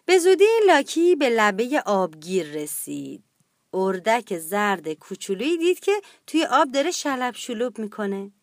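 A woman reads a children's story aloud in a gentle, expressive way. Her voice sits high and bright, and the recording is close and dry. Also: no room sound.

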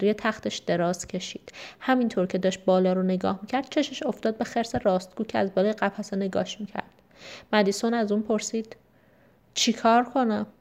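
Woman gently reading a children's story. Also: medium pitch, gravelly. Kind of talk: children's story read aloud.

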